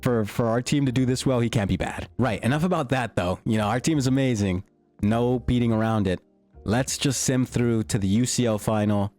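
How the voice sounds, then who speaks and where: A young man giving excited, slangy commentary over his own gameplay, his voice starting to go. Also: medium pitch, fairly quick, no echo, faint music behind. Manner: hyped, slangy, swings between joking and shouting. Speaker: gaming YouTuber. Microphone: desktop mic, peaking.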